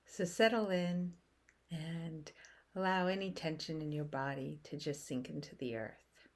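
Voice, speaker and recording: A woman's low-pitched voice, with fairly even intonation, leads a gentle guided meditation. She goes unhurriedly, speaking short phrases and then pausing at length.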